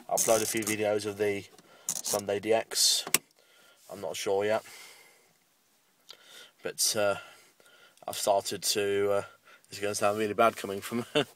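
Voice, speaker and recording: In a parked car, a British amateur radio hobbyist with a fairly low voice gives a casual vlog update. His delivery is very flat, rambling along matter-of-factly, and the microphone sits somewhat far away from him.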